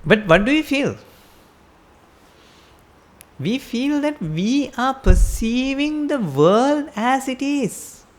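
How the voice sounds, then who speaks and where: A high-voiced woman with a Sri Lankan accent speaks slowly and animatedly, pausing often, as she gives a Buddhist sermon. She is a teacher who explains step by step and asks her listeners rhetorical questions.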